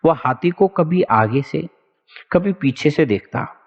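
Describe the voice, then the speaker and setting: A man teaching an exam-prep lesson, telling an anecdote in a chatty, animated way. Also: fairly high pitch, takes it slowly, breathy edge, long reverb tail, dull audio. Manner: animated, chatty, laughs often.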